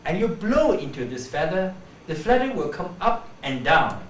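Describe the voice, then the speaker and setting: Male speech teacher, higher-pitched voice, drills words aloud, recorded off-mic in a roomy space. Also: big pitch swings, fairly bright tone. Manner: demonstrates sounds slowly, repeating words. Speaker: pronunciation teacher. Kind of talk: pronunciation lesson with demonstrations. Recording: echoey room, voice from a distance, faint background hum.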